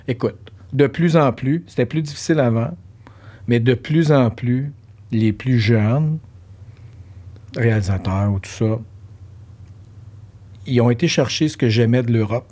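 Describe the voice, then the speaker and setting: A man's voice: mid-range voice, measured pace, long pauses. A middle-aged man with a Québécois French accent, hosting a casual interview and acting out quotes in playful voices. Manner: animated, acts out quotes in funny voices. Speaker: podcast host.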